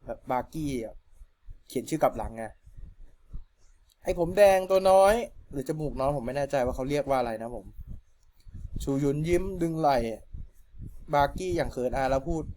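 A man's voice: medium pitch, moderate pace, long pauses, a little mellow. A young man reading a fan fiction novel aloud, often stopping to chat and question the wording.

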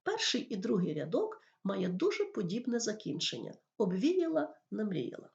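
A woman's voice: mid-range voice, wildly swooping pitch, normal speed, gravelly, lo-fi sound. A woman teacher giving a school lesson on poetry, explaining patiently and reading verse lines aloud. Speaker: literature teacher.

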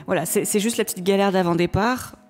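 A woman's voice: mid-range voice, fast. A young woman chatting casually and colloquially with her partner. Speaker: co-host of a couple's channel. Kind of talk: casual chat.

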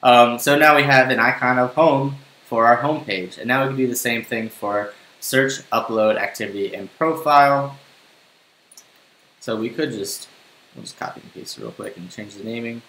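A young man runs a casual coding screencast, talking to himself as he types, in a medium-pitched voice that is bright and forceful at a moderate pace. It's a roomy home recording with faint hiss.

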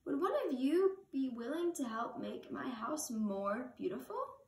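A woman's voice: high-pitched, big pitch swings, measured pace. A young woman voicing a polite, kindly male hermit crab while reading a storybook aloud, recorded from across a living room. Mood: earnest. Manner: polite, earnest asking. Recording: roomy living room from far camera.

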